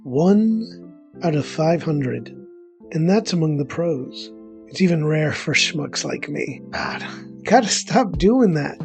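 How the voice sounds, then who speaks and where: Playing a bitter loner who runs himself down, a male actor rambles through a conversational dramatic monologue full of defensive, resentful asides. His gravelly, exaggerated voice is slightly high with a darkish tone, slow pacing, and lively intonation, while faint music plays behind.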